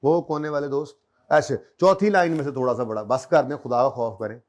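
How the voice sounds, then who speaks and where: A man's voice: medium pitch, fairly quick, darkish tone. A man teaching an accounting class in a conversational way, quizzing his students and teasing them lightly, with a Pakistani Urdu accent. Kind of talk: classroom lecture. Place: classroom with a board.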